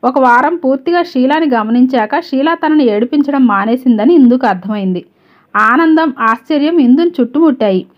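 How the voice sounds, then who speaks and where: A woman's voice: high-pitched, lively intonation, normal speed. Woman narrating a story, lo-fi. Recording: slightly dull lo-fi recording.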